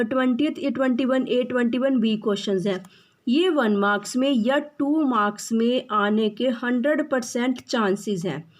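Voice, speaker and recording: Woman, accounts teacher, high voice, unhurried classroom lecture, repeats key terms. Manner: explains slowly, repeating key terms and mixing English phrases.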